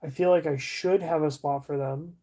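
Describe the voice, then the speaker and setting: A woman streamer chatting casually as she sorts, thinking aloud with fillers and soft laughs. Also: sits low, steady tone, moderate pace. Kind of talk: casual livestream chat while sorting. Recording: audible background noise.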